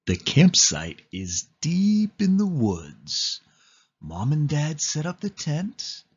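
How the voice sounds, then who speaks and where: A man reads a children's picture book aloud in an animated, expressive storytelling style with deliberate phrasing. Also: on the high side, husky, dull audio. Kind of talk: animated read-aloud narration for young children.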